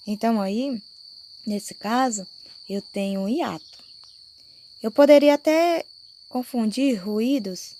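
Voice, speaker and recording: A Brazilian woman teacher giving a slow, explanatory lesson to fourth graders and checking often that the class follows. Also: mid-range voice, warm tone, slight background noise. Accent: Brazilian Portuguese.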